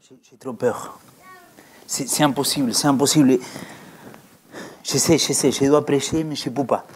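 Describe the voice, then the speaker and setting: A woman's voice: a bass voice, steady tone, moderate pace, a little mellow, a little hiss or hum, voice pushed down. A woman acting out an anxious woman preacher who is afraid to speak, stammering and repeating herself.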